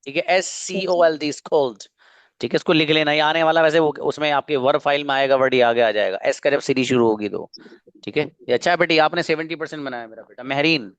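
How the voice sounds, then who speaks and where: A man's voice: fairly high pitch, brisk, a bit bright, clear, resonant tone, dry recording. Earnest male online teacher, coaxing and repetitive, close and dry. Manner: coaxing, earnest, repeats himself. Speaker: English teacher. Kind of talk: online spoken English class.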